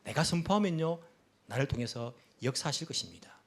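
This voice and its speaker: Korean pastor, man, impassioned sermon with a lively, higher voice, swings from loud to hushed. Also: brisk. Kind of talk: sermon and prayer. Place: church sanctuary.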